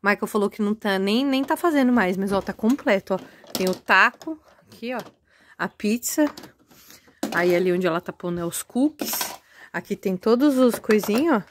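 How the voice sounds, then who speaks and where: A woman's voice: medium pitch, lively intonation, moderate pace, a little hiss or hum, poor audio. A woman, chatting eagerly to her viewers while she shows things outdoors on a street. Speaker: vlogger. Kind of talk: casual vlog walkthrough.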